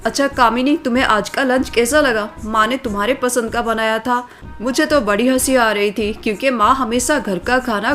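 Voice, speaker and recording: A woman voicing a kind, gentle young village man who speaks patiently and soothingly, over faint music. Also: fairly high pitch, close to an everyday voice.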